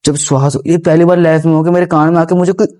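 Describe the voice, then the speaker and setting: A man's voice: fairly high pitch, level tone, quick pace, dark tone. A young man, a podcast guest, earnestly telling a personal story in a rambling, respectful way, often calling the host guruji. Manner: rambling, with restarts and repeated phrases. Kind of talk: casual first-person storytelling.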